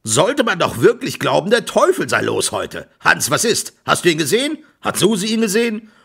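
A man reading an audiobook voices an excitable, blustering middle-aged male tenant farmer who talks loudly in exclamations. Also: on the low side, normal speed, gravelly, heavily acted. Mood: agitated. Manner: loud, exclaiming, scolding.

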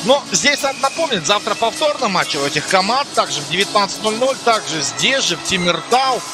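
A man giving live ice hockey commentary in a conversational way, pausing to find words. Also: sits high, sing-song, over music.

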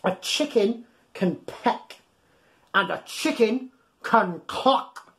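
A slightly bright, high-pitched voice with lively intonation belongs to this man in his thirties, who reads to young children at bedtime. He plays it up in an encouraging, exaggerated way, asking questions and leaving pauses. The recording is made in a small room at home stuffed with soft toys.

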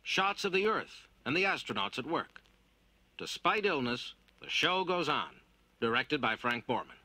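A man's voice: on the high side, very animated, measured pace, sharp tone, no echo, low-quality recording. A man reading scripted, dramatic documentary narration. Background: music.

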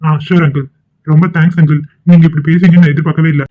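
A man's voice: fairly high pitch, level tone, racing, lightly acted. A man voicing a polite, ingratiating young college suitor in a cartoon. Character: smooth-talking young male college suitor. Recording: tinny phone-like audio.

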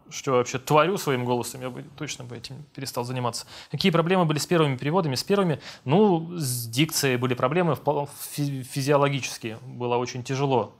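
At his desk in a home room full of monitors, a young voice-over dubber casually reads viewer comments aloud and answers them. His mid-range voice sounds relaxed and self-deprecating.

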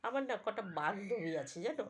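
A woman's voice: mid-range voice, animated, a little fast, husky. A woman voicing a young man who sweet-talks his father about his girlfriends. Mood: coaxing. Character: young man boasting son, lovestruck.

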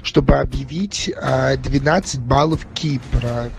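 A campy drag queen played by a man presides over a parody vote broadcast. The diva is haughty and dismissive, with a gravelly, creaky voice at middling pitch. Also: a little slow. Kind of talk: parody contest vote announcement.

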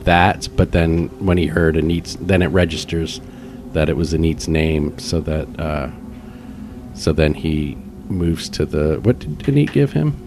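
A man's voice: extremely low pitch, a little slow, background noise. A man playing a character in a tabletop game, describing actions in a casual, playful way. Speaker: player.

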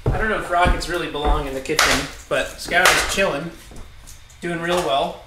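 A young man in his twenties hosting a casual livestream from a home kitchen, relaxed and laughing as he reads viewer messages, heard from a far camera. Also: fairly high pitch, normal speed. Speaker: host. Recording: echoey kitchen from a distance, loud noise.

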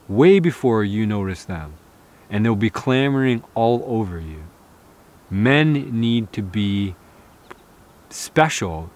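A man's voice: on the low side, a little mellow. Earnest bearded man giving advice outdoors. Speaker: outdoor vlogger. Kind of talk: casual talk to camera, reading viewer comments. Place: outdoors in a snowy forest. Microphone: camera close in front, seated.

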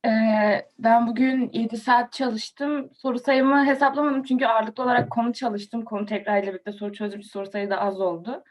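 Young woman student, higher voice, playful and a bit plaintive. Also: steady tone, normal speed, few pauses. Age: young adult. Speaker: student on a study call. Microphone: video call.

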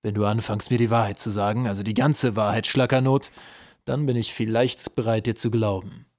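A man's voice: on the low side, fairly even intonation, a little fast, darkish tone, no room sound, clean studio sound, close to an everyday voice. A man voicing a cruel goblin general who interrogates a prisoner in a harsh, threatening, relishing tone. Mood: menacing.

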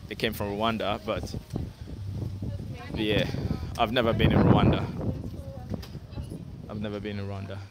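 A young man born in Ghana, with a fairly low voice, live-streams from a sunny city street, reading viewer comments aloud and chatting in a relaxed, repetitive way. He keeps dropping in "okay" and "yeah." It's recorded on a phone held at arm's length, with street and traffic noise all around.

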